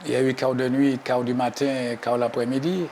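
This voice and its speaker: An older man giving personal testimony in halting, short phrases. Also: medium pitch, flat delivery, a little mellow. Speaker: interviewee, former factory worker. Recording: clearly noisy location sound.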